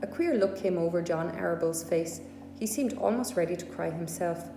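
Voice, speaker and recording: A woman reads a children's storybook aloud as scripted narration, her lowish voice moving at a moderate pace with vocal fry. The recording sounds echoey with steady noise in the room.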